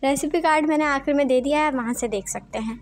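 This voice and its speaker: High-voiced woman narrating a recipe. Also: fast talker, faint music behind. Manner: calm, plain instructional tone. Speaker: cooking channel host. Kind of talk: step-by-step recipe voice-over.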